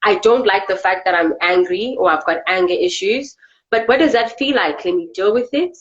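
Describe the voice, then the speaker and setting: A woman's voice: medium pitch, moderate pace, highs cut off. A South African actress talking casually as an interview guest, chatty and peppering her talk with "you know". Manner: chatty, filler-heavy, repeats "you know".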